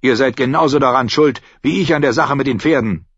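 A man's voice: medium pitch, a little fast, fairly bright tone, slightly rough, no echo, lo-fi sound, voice pushed up. A man voicing a grumpy, quarrelsome middle-aged man who scolds and accuses the others. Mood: indignant. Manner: angry, scolding.

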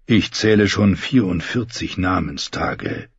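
A man voicing a weary middle-aged holy man, a former knight, speaking quietly and confessionally in an audiobook. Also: low-pitched, animated, takes it slowly, slightly rough, exaggerated voice. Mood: regretful. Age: 40s. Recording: dull muffled recording.

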